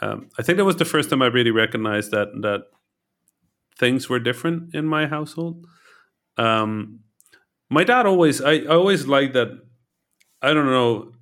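A man's voice: mid-range voice, expressive, normal speed, pauses often, fairly bright tone. Reflective man thinking aloud. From Netherlands. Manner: reflective, thinks aloud with restarts and tag questions. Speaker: podcast guest. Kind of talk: casual interview chat.

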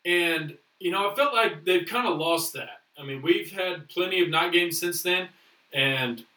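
A man's voice: high-pitched, measured pace, pushed and bright. A man co-hosting a podcast, rambling through casual sports talk with lots of fillers. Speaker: podcast co-host. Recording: echoey room, distant mic.

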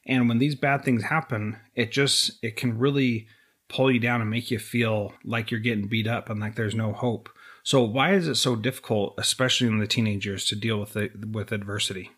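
A man's voice: on the low side, steady tone, fairly bright tone. A man hosting an education podcast, talking earnestly and at times emotionally. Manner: earnest, emotional, speaks in quick bursts. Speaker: podcast host. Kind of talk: conversational interview.

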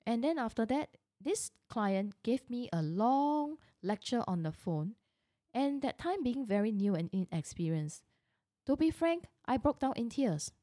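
A woman's voice: a little high, sing-song, a little slow, dark tone, no room sound, clean studio sound. A middle-aged woman, a real estate agent, telling a personal work story in an earnest way, often restarting and correcting herself.

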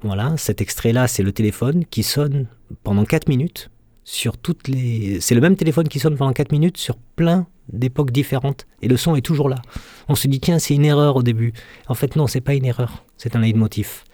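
A man from Marseille, a sound engineer, speaking as an interview guest in a passionate, halting way. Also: mid-range voice, dark tone, no echo, studio quality.

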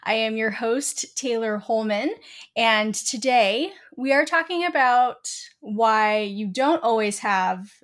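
A woman's voice: a little high, a bit bright. Upbeat woman hosting a podcast. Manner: upbeat, talks quickly. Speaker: podcast host. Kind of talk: podcast interview.

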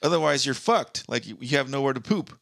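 A man's voice: mid-range voice, expressive, a little fast, vocal fry, fairly bright tone, dry recording. A man co-hosting a podcast in casual chat, crude and laughing often, reading news stories aloud. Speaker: podcast co-host.

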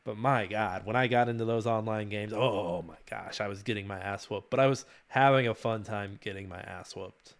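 A man's voice: on the low side, moderate pace, few pauses. A man co-hosting a gaming podcast, chatting casually and animatedly, swearing and laughing often. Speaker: podcast co-host. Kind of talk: casual chat.

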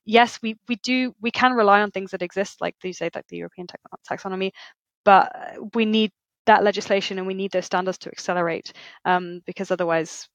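A woman who edits in her industry appears as an expert guest in a conversational interview, explaining things a little quickly in a medium-pitched voice and often ending with tag questions. The lo-fi recording carries no room sound.

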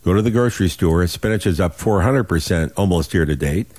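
A man in his sixties with a deep voice hosts a money show on radio. He sells in a folksy, urgent way, leaning on his points and repeating them. The sound is close and dry. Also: expressive, fairly quick, a little mellow, no echo. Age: 60s. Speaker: financial radio show host. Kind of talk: radio sales pitch talk.

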